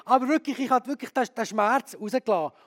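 A man preaching a sermon as a pastor, lively and candid, who often asks his audience questions. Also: very high-pitched, fairly quick.

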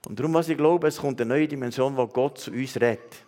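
Man, Swiss German accent, pastor, earnest sermon, speaks directly to listeners, hesitant pauses. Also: medium pitch, a little mellow. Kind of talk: sermon with prophetic words.

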